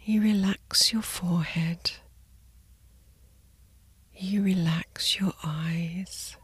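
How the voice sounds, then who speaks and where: A woman guiding a sleep meditation in a soft, soothing spa-like whisper, gently and in short, unhurried phrases. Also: lowish voice, fairly even intonation, breathy edge, dry recording. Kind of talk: guided sleep meditation narration.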